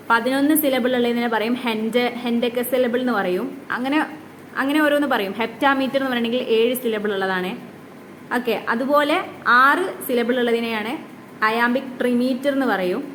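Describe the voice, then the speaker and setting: A woman's voice: a little high, moderate pace, fairly bright tone, slight background noise. Woman lecturing in an echoey room. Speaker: teacher. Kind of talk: classroom lecture.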